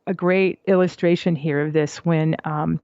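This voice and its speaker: A woman's voice: low voice, normal speed, dry recording, lo-fi sound. A middle-aged woman, a psychologist who is a guest on a podcast, telling a parenting story and acting out the quotes. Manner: animated storyteller, acts out quotes. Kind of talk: conversational interview storytelling.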